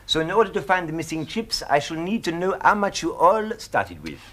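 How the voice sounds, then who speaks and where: Brief: a suave, nosy French casino manager, fake French accent, lively high-ish voice. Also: male voice, brisk, heavily acted. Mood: polite probing. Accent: put-on French. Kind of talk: 1970s TV whodunnit acting.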